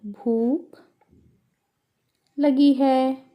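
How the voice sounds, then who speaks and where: A woman teacher reading a hungry young boy's lines slowly, as if for dictation. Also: high voice, steady tone, lo-fi sound. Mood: asking. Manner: slow, dictation-paced reading. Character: hungry young boy asking his mother for food.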